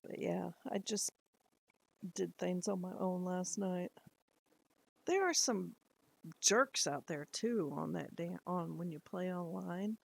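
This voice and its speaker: A woman's voice: lowish voice, animated, slow, gravelly, long pauses, low-quality recording. A middle-aged woman chatting casually to camera at home, rambling and laughing often. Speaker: lifestyle vlogger. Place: at home, indoors.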